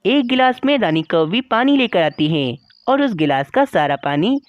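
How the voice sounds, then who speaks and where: A woman's voice: medium pitch, moderate pace, highs cut off. A woman narrating a cartoon story in a scripted storytelling style. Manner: lively storytelling, addresses viewers.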